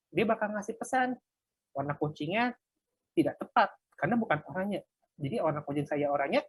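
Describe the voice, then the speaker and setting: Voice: medium pitch, slightly rough, no echo. A workshop instructor casually talking through a live coding example, thinking aloud while typing and muttering asides. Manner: casual, light laughs at own mistakes.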